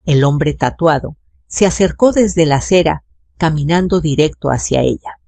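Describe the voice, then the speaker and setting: A woman narrating her own story in a steady, dramatic first-person style with a gravelly voice. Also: deep voice, normal speed, no echo.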